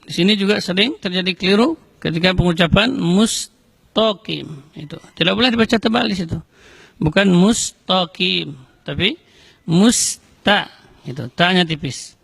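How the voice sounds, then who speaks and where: A man teaching correct Quran recitation, explaining letter sounds slowly and carefully between chanted verses. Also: high voice, lively intonation, creaky, a bit bright, slightly rough, no echo. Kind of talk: tajwid lesson with recited examples.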